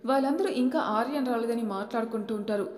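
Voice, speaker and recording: A woman's voice: on the high side, fast. Woman narrator in an echoey room. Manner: plain steady storytelling. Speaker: storyteller. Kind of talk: audiobook narration. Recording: echoey room with long reverb.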